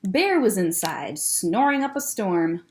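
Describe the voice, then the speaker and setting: A woman working as a children's librarian reads a picture book aloud to kids, gentle and expressive, pointing out the pictures. Her voice is mid-range and slow.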